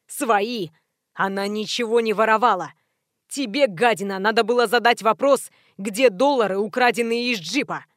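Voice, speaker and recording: A woman reading the part of an indignant middle-aged male boss who yells and shrieks. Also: moderate pace, no echo, studio quality, natural voice. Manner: yelling, shrill outbursts.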